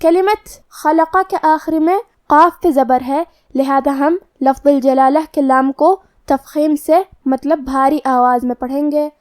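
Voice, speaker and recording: A woman teaching Quran recitation, explaining pronunciation rules in a measured, step-by-step way. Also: sits high, fairly even intonation, darkish tone. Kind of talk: tajweed lesson, explanation and slow recitation.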